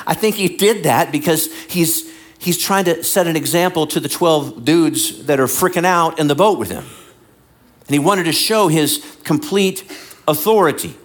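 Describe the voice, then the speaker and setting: A male pastor delivering a lively sermon, sometimes acting out the lines he quotes. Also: on the high side. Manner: animated, acts out voices and quotes. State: bad back.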